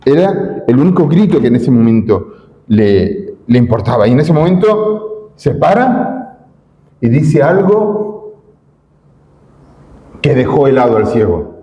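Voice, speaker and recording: Emphatic preacher in an echoey church. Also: male voice, medium pitch, dull audio. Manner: emphatic, asks the congregation rhetorical questions. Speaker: pastor. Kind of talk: sermon.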